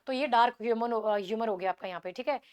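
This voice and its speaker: High-voiced Indian woman teaching literature. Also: a little mellow, clean tone. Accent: Indian English. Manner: explains in Hindi mixed with English, reads English examples slowly. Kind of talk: exam-prep lecture.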